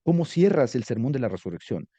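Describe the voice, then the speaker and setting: A man teaching rhetoric to a class, animated and asking students questions. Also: mid-range voice, fast talker, slightly rough, dry recording, highs cut off. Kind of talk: classroom lecture.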